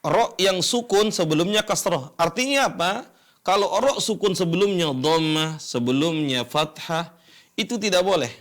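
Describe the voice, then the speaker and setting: A man teaching Quran recitation rules step by step, asking and answering his own questions and chanting examples slowly. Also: high-pitched, expressive, fairly bright tone. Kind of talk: educational lesson explaining tajwid rules.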